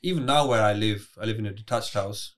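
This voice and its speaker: A man's voice: lowish voice, fast talker, a bit bright. A middle-aged man from Bradford, a podcast guest joking and teasing in casual banter. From Bradford, England.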